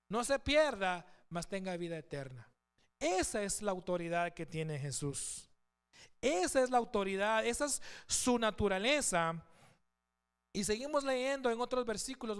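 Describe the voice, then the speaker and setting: A man's voice: high-pitched, clean tone. A man preaching a sermon in a church, asking the congregation questions and reading scripture aloud. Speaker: pastor.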